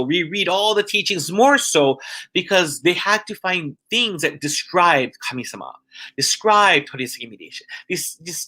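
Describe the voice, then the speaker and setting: A male church minister giving an informal religious mini-lesson, earnest and heartfelt, often halting and restarting his sentences. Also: a little high, sharp tone.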